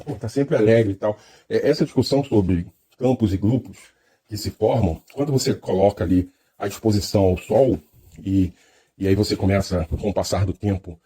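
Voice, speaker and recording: A man with a Brazilian Portuguese accent delivers a reflective monologue in the style of a lecture, hesitant and thoughtful, often starting his phrases over. His voice is fairly low and dark, with a slightly rough texture.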